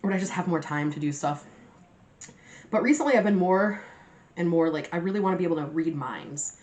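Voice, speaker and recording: A woman's voice: lowish voice, lively intonation, brisk, darkish tone. A woman hosting a mukbang, chatting casually and slangily to viewers as she eats. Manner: eating messily while talking, mukbang style; sweary, slangy storytelling with acted-out quotes. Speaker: mukbang video host. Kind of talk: casual chat to viewers while eating.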